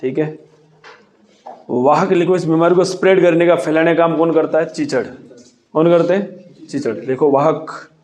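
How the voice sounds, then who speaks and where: A male teacher with a slightly high voice lectures a class. He dictates notes line by line, repeats himself, and keeps asking the students questions. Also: moderate pace, long pauses, a little mellow.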